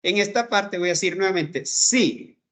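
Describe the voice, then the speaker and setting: The teacher is a man whose voice is high and a bit bright. Talking through code step by step in a screen-recorded programming lesson, he moves slowly and checks that his students are following with "¿verdad?"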